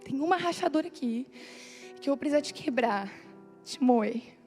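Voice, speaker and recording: A woman's voice: sits high, expressive, moderate pace. A woman preaching a heartfelt sermon at a church women's meeting, intense and pleading, stretching out her phrases. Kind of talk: emotional sermon. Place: church hall. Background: soft instrumental music.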